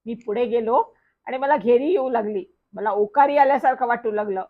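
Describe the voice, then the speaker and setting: A woman reading a children's story aloud, telling it in a lively first-person way. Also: on the high side, normal speed. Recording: dull lo-fi recording.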